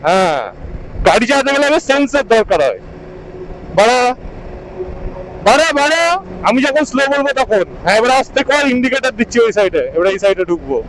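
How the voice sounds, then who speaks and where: A man's voice: very high voice, big pitch swings, fast talker, a little hiss or hum, low-quality recording. A man narrating a casual motorcycle travel vlog while riding, chatty and coaching his pillion with short repeated instructions. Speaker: motovlogger. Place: outdoors on a motorbike on the highway.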